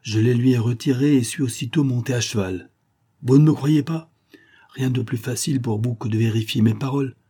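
A man reading a defiant cornered gentleman. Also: medium pitch, brisk, husky, natural voice. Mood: firm. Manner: firm, urgent, indignant.

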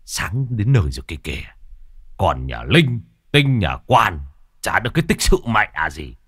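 A man doing a crude, gruff father. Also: low-pitched, big pitch swings, fairly bright tone, no room sound, clean studio sound, heavily acted. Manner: crude, blunt, quick-talking. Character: gruff coarse middle-aged father, vegetable seller.

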